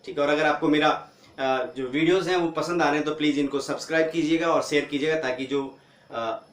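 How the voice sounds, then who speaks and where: A man teaching English pronunciation, asking questions and answering them himself, repeating each word slowly. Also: a little high, steady tone. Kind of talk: classroom lesson. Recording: echoey room.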